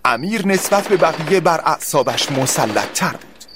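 Male storyteller, scripted narration; high, animated delivery over a noisy recording.

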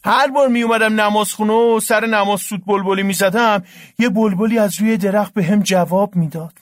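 An actor playing a naive, earnest young man in a comic radio drama, defending his muddled ideas with drawn-out emphasis. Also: high voice, fairly even intonation, no room sound, studio quality, lightly acted. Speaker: naive worshipper with odd ideas.

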